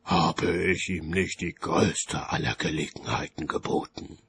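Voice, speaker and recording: An ancient skeletal reaper in a storybook, very deep and gravelly, slow and measured, with cold and unhurried menace. A faint hum of room ambience sits behind the voice. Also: male voice, fairly even intonation, a bit bright, heavily acted. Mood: cold, aggrieved. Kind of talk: audiobook character voice.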